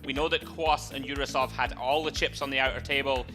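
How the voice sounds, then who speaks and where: A man's voice: mid-range voice, fairly even intonation, brisk. A man co-commentating a poker tournament live, giving conversational analysis in wry, wordy turns of phrase over music.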